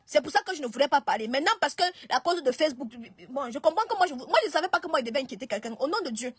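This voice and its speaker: A woman's voice: sits high, lively intonation, very fast, no echo. A woman talking on a live stream, hesitant, often restarting and pleading. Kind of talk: casual live-stream talk.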